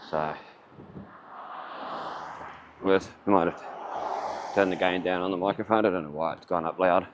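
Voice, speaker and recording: A man's voice: deep voice, steady tone, moderate pace. A man with an Australian accent, muffled by a face mask, rambling casually as he films a walking vlog outdoors. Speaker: vlogger. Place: outdoors, walking along town streets. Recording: muffled, dull audio with faint outdoor noise. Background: faint outdoor ambience.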